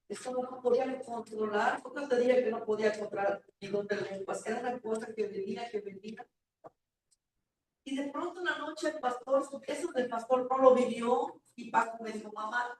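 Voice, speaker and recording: A woman's voice: a little high, normal speed. A middle-aged woman pastor with a Mexican accent giving an emotional personal testimony at a church service, acting out the dialogue as she tells it. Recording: very echoey hall, mic far off, faint noise.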